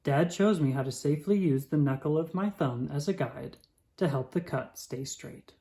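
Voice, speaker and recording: A narrator with a mid-range voice reads a children's picture book aloud, expressive and measured in a storytelling style.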